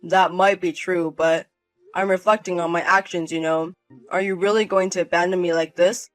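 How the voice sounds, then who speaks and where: A man's voice: high voice, flat delivery, normal speed, fairly bright tone, soft background music, poor audio. A man voicing a self-centered husband in a drama, sounding flustered and pleading.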